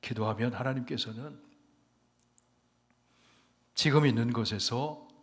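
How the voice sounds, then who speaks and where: In a church sanctuary, a male pastor preaches a sermon in a mid-range voice, a little slowly, his words filling a large hall. He moves between loud, emphatic declarations and hushed, near-whispered lines, urging the congregation to say amen and repeat after him.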